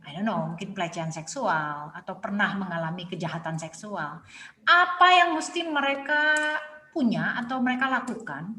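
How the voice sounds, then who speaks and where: A woman's voice: on the high side, a bit bright. A woman hosting an interview, summarizing points and asking questions, sprinkling in English words. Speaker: host. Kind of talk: interview talk show. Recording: echoey room.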